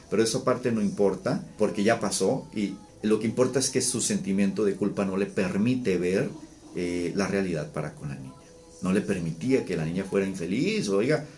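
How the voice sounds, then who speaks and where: A man, a psychologist, talking calmly about parenting and guilt, explaining with frequent restarts and fillers. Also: lowish voice.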